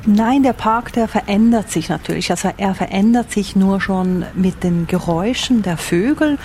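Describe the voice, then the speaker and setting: A Swiss woman working as a foreign correspondent answers interview questions with vivid, explanatory descriptions, rephrasing herself as she goes. Her warm, mid-range voice has a Swiss accent and moves at a normal speed over a faint hiss or hum.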